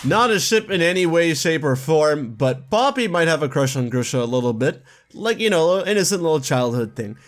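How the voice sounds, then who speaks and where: A man chatting casually in his own commentary video, quick asides and laughing at his own jokes. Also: on the high side, expressive. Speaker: YouTube gaming commentator.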